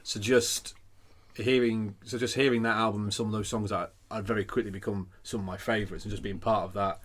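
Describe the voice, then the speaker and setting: A man in his thirties from England talks fast and animatedly as he co-hosts a casual podcast. His delivery is quick and playful, full of jokes and asides. He sounds at ease among friends. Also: lowish voice, steady tone, fairly bright tone. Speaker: podcast co-host. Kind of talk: casual chat.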